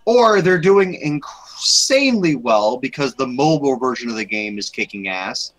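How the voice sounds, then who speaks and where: A man's voice: medium pitch, animated, normal speed, fairly bright tone, poor audio. A young man co-hosting a casual gaming chat, rambling with many restarts. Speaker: podcast co-host.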